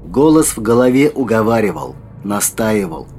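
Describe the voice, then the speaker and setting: A man narrating a dark fantasy audiobook in a measured storytelling manner, with faint music behind him. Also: fairly low pitch, big pitch swings.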